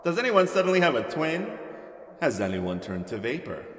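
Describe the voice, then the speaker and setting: A man's voice: a little high, very animated, normal speed. Merle Cravenhoff, a man playing a hammy ride captain. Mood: chipper. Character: folksy cheerful male theme-park ride captain. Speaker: ride narrator. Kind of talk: scripted ride spiel. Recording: echoey hall with background noise.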